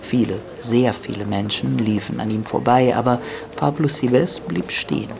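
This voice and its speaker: A man's voice: medium pitch, moderate pace, vocal fry, a crowd in the background. A man narrating a radio feature in a wry, lightly self-mocking way.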